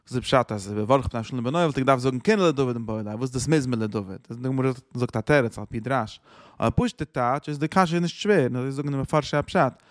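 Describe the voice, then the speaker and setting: Man, psalms lesson, mid-pitched voice, dry close mic. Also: fast, no echo. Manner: mixes Hebrew, Yiddish and English terms into loose, searching speech. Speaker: Torah teacher.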